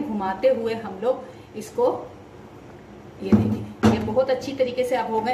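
A woman hosting a cooking channel, patiently explaining each step and giving tips at her home stove. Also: on the high side. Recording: echoey kitchen, mic far off, loud sizzling noise. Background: frying and sizzling.

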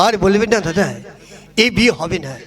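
A man plays the bride's elder brother in a comic puppet show, pleading with the guests and soothing his sister. His voice is very high for a man. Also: brisk, a bit bright.

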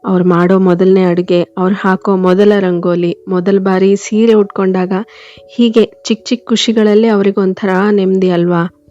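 A woman voicing a teasing, affectionate young husband with a playful, gently scolding manner. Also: medium pitch, flat delivery, moderate pace, natural voice. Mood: tender. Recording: dull lo-fi, faint music behind.

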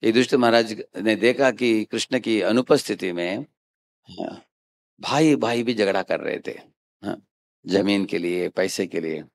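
A man's voice: on the low side, a little slow. A man giving a conversational scripture lecture as a preacher, often checking in with listeners. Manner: conversational, frequent "hain?" prompts to listeners.

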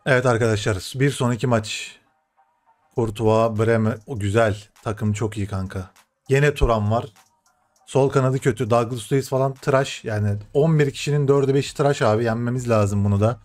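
A young gaming streamer commentates on his own football video game matches, excitable and cursing, yelling at the screen and then muttering to himself. His voice is mid-range and his pace moderate, with faint music in the background.

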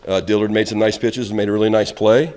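At a postgame press conference, a middle-aged college baseball head coach speaks quickly in a deep, low voice with a level tone. His candid answers ramble and trail off quietly at the end. Reporters' phones and handheld mics are held close, and the press room, with its backdrop, adds reverb.

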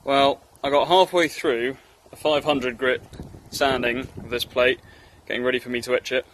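A man's voice: medium pitch, steady tone, normal speed, fairly bright tone, a little hiss or hum. A Northern Irish man giving casual, self-deprecating narration of a workshop build, with plenty of ums and uhs. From Northern Ireland. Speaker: hobby blacksmith.

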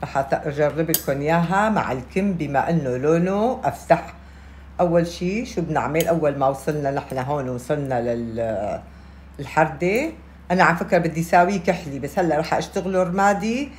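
A woman's voice: low-pitched, fairly quick, darkish tone, slight background noise. A woman with a Levantine Arabic accent giving a casual step-by-step craft tutorial, repeating key steps and checking in with her listeners. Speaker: knitting instructor. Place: indoors at a table, hands-only camera view.

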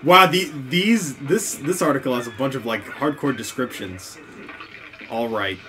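A man with a New York accent chatting casually on a game stream, reading out a list of slang in a relaxed, halting way. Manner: relaxed, reads aloud haltingly, low mumbled asides.

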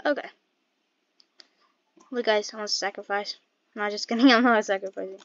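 A woman giving casual gameplay commentary as a streamer, excitable, exclaiming and muttering to herself as she plays. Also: mid-range voice, normal speed, no room sound, lo-fi sound. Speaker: game streamer.

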